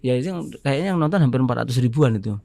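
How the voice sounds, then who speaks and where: A man with an Indonesian accent, a podcast guest talking in a measured way and often pausing with fillers as he searches for words. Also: mid-range voice, animated, dark tone, no room sound. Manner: measured, fills pauses with "apa namanya". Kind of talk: casual interview talk.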